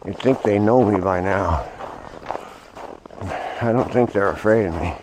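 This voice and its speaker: A man's voice: fairly low pitch, a little slow. A man giving casual outdoor vlog commentary on a winter run, thinking aloud in short, broken phrases. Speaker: vlogger. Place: outdoors on a winter lake shoreline. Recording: clearly noisy raw outdoor recording.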